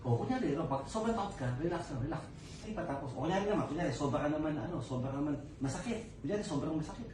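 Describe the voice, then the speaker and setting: A man talking softly and soothingly as a father comforting his child in a hospital room. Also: fairly high pitch, animated, racing. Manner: soft, soothing, coaxing. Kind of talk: casual family vlog. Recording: echoey room, mic far off, clear background noise.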